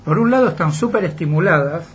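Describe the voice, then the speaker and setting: A man's voice: a little high, expressive, fast, faint music behind. A man with a Rioplatense accent, a psychologist guest on a radio interview, explaining thoughtfully with some hesitations. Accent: Rioplatense Spanish.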